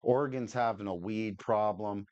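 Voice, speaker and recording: A man's voice: fairly low pitch, steady tone, moderate pace, a little mellow, dry recording, dull audio. A man, stoned, chatting casually as a livestream co-host in a laid-back, sweary stoner manner. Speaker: co-host of a cannabis podcast.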